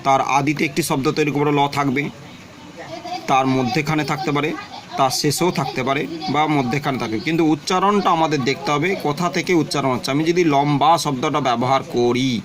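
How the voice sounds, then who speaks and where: A man teaching a twelfth-grade grammar lesson, who explains slowly and says example words and definitions more than once. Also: fairly high pitch, crowd noise. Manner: explains slowly, repeats example words and definitions, often tells students to look.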